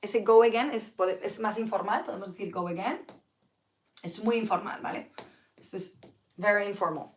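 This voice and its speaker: Hoarse woman teaching English. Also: medium pitch, moderate pace, long pauses, slight background noise. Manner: chatty, mixes Spanish and English, reads out viewer comments. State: sick with flu, tired. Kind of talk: live-streamed English lesson.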